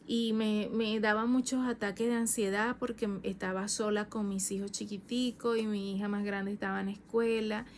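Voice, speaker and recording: A woman in her thirties preaching her own testimony with fervor, circling back on phrases again and again. Her voice sits at an ordinary middle pitch but climbs sharply when the feeling takes over. A faint hiss of noise sits under the recording. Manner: fervent, repeats phrases, voice rises high when emotional. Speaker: evangelist. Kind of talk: personal testimony sermon.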